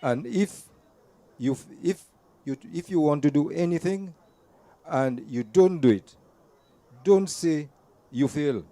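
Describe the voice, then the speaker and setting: A man with a fairly high but dark-toned voice delivers an earnest personal storytelling speech at a community event venue, where he is an invited speaker. He talks slowly with long pauses, repeating words as he restarts sentences, and the recording is dry.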